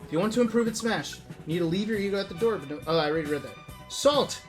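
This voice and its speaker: Over background music, a streamer reads a book aloud casually in a mid-range voice, racing along with lively intonation. They pause for wry asides and speak directly to viewers.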